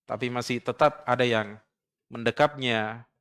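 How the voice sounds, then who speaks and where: Smooth-voiced preacher. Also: male voice, mid-range voice, steady tone, a bit bright. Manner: measured, frequent affirming "iya" tags. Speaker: Islamic preacher. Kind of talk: religious study lecture. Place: prayer room.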